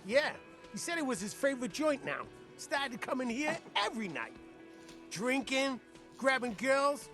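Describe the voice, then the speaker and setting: An actor playing a crude, excitable male dockworker in a video game. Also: very high voice, a little slow, faint music behind, heavily acted. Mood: agitated. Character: agitated male dockworker barfly storyteller.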